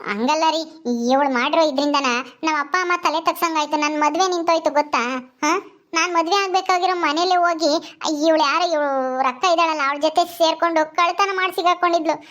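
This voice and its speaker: A woman's voice: extremely high pitch, steady tone, quick pace, a bit bright. A woman voicing a bitter younger sister who complains indignantly in a family drama skit. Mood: resentful.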